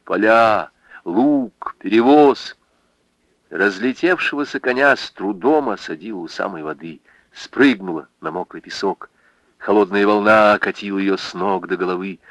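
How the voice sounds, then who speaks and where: Low-voiced man reading a novel dramatically. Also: no echo, dull audio. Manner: dramatic, emotive reading with big swings. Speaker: audiobook narrator. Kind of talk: expressive literary narration.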